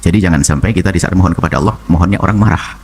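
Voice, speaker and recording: An older man preaching a sermon and answering a listener's question, talking in an animated way that jumps from low murmurs to high exclamations. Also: very fast, slightly rough.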